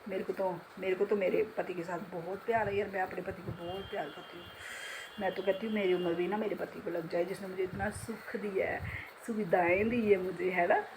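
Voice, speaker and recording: A woman's voice: fairly low pitch, steady tone, brisk, darkish tone, slight background noise, low-quality recording. A middle-aged woman chatting casually in a home vlog, talkative and self-mocking, often breaking into laughter. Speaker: vlogger, beauty salon owner.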